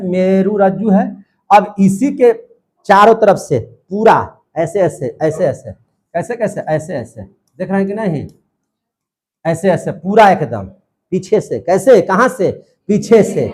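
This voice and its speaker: A man teaching a classroom lecture, lively and repeating his questions so the class answers back. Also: high voice, husky.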